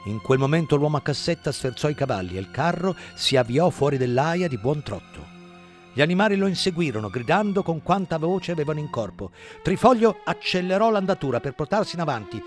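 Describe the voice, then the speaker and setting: A man narrating an audiobook in a dramatic, measured way. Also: on the high side, sing-song, soft background music. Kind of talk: scripted narration.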